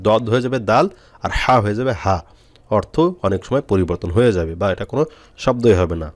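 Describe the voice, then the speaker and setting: A man's voice: fairly low pitch, fast talker, no echo. A man teaching Quran reading step by step, spelling out letters and repeating syllables for his students to drill. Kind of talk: step-by-step recitation lesson.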